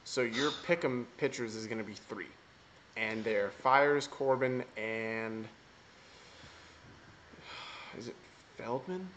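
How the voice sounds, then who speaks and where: A man's voice: mid-range voice, measured pace, a bit bright, a little hiss or hum. A man hosting a casual fantasy baseball podcast, jokey and emphatic, swearing casually. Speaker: fantasy baseball analyst host.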